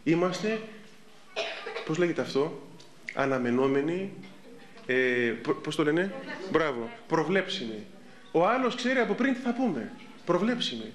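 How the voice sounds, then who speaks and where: A middle-aged Orthodox priest gives a sermon and tells stories lively, acting out the people in them. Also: male voice, a little high, long pauses. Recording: echoey room.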